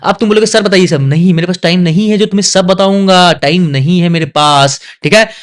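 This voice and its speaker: A young man teaching an exam revision lesson, asking his students quick questions and coaxing and scolding them. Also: high-pitched. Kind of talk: casual online exam lesson.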